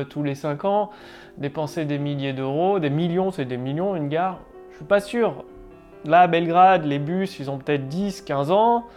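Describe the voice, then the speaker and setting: A man from France talks straight to camera in a loose, conversational vlog style, dropping casual fillers and punchy asides. Faint music plays quietly underneath his voice. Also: on the high side. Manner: chatty and informal, punctuated with "bah" and "boum". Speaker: entrepreneur vlogger.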